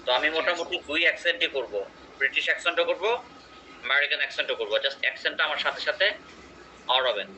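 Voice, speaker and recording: A man's voice: a little high, rapid-fire, sharp tone, highs cut off, a little hiss or hum. A man teaching an online English pronunciation class in a conversational way, often checking in with his students.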